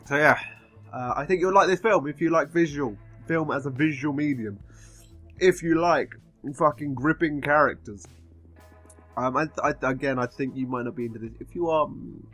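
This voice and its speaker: A man's voice: on the high side, fairly bright tone. A man giving a casual film review in a drunken, rambling way, swearing often as he talks. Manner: frequent swearing.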